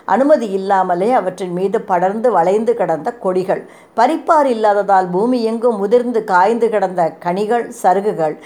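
A woman reading a historical novel aloud in a measured, expressive storytelling voice. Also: medium pitch. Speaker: narrator.

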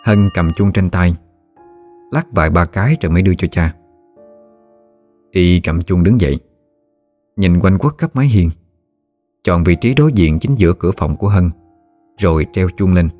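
Deep-voiced male narrator, calm and measured, for a spoken story over soft music.

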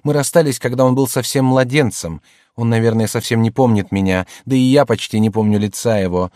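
A man's voice: medium pitch, fairly quick, warm tone, dry recording, clean studio sound, voice pushed up, lightly acted. A man voicing an anxious woman in her forties searching for her lost son, in a pleading, emotional tone.

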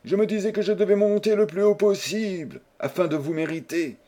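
A man's voice: sits high, a little fast, warm tone, pitched above the performer's own voice, close to an everyday voice. A man reading aloud, voicing a proud, desperate husband who pleads fervently with his wife in a storybook. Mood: pleading. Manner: fervent, imploring.

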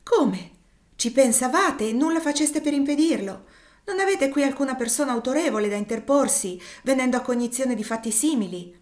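A woman voicing an indignant, strict middle-aged spinster in a read-aloud novel, speaking loudly and with high outrage. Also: steady tone, moderate pace, natural voice.

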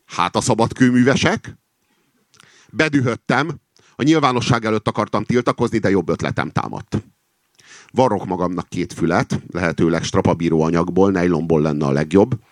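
A man's voice: deep voice, no room sound. A man reading satirical fiction aloud with commentary, in a dry, ironic storytelling manner. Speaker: reader and commentator.

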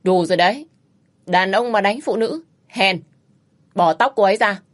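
A detached, cold-mannered man delivers dry, clipped remarks with quiet mockery, read by a woman narrator. He stays unhurried and firm in this storybook reading. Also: medium pitch, close to an everyday voice. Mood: cool mocking. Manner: calm, dry, curt, mocking. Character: cool, aloof, protective wealthy man.

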